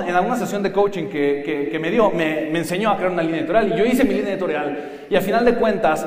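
A Mexican man gives an upbeat live talk from the stage, his voice set high and full of jokes. He keeps repeating words as he pulls the crowd in. The sound rings with the long reverb of a big hall, caught from off the mic. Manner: energetic and joking, repeats words, talks straight to the crowd. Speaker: conference speaker. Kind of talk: live motivational talk to an audience. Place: large hall with a live audience. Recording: echoey hall, voice heard from off the mic.

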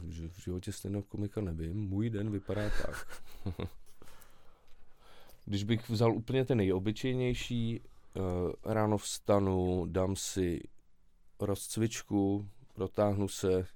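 A young man, a stand-up comedian, talking casually as a podcast guest in a relaxed, rambling way with slangy asides. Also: fairly low pitch, dry recording. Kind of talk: casual conversational interview.

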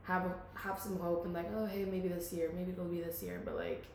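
Laughing frequently, this chatty guest from the Philippines, a student and local model in her twenties, leans heavily on "like" as she talks. She sounds sing-song and a little mellow, on the low side at a normal speed, in a very echoey room with a faint hiss.

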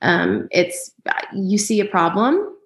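A woman's voice: medium pitch, big pitch swings, takes it slowly, creaky, reverberant. A woman giving practical parenting advice in a conversational way, often saying "um" and "right?". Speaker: parenting guest speaker.

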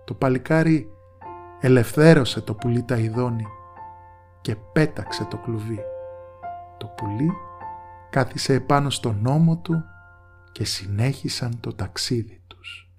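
A man's voice: mid-range voice, pauses often, darkish tone, soft background music. A man narrating a folk tale with rhythmic, repeated phrases. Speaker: storyteller.

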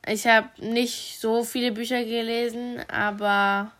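A woman chatting in a casual question game, talking with headphones on over loud music that she alone hears. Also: on the high side, level tone, slow. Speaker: challenge guest.

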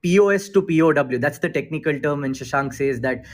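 Hosting a crypto-investing group call online, this Indian-accented man talks fairly quickly in a slightly high voice, with a little hiss or hum on the line. His manner is casual and informal, and he mixes Hindi phrases into his English.

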